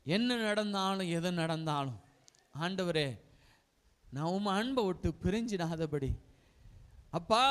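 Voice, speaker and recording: A man's voice: very high voice, pushed and bright, clean tone. A male pastor preaching a fervent sermon and leading prayer, pleading with listeners and repeating his appeals to God.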